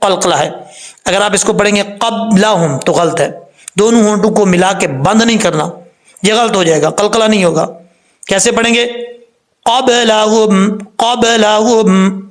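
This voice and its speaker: A man's voice: high voice, moderate pace. A middle-aged man teaching Quran recitation step by step. He explains each sound and corrects mistakes, repeating the right pronunciation several times.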